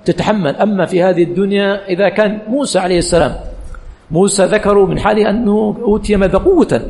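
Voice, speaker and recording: A man's voice: high-pitched, fast, creaky, a little mellow, long reverb tail. A male religious teacher giving a classroom lecture, quizzing the students with questions that he answers himself and repeating key phrases.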